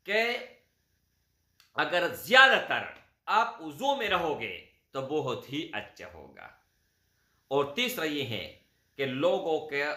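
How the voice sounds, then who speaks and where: A man serving as a spiritual guide, giving slow, step-by-step religious instruction and addressing his listeners as brothers. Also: fairly high pitch, pushed and bright. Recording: roomy echo.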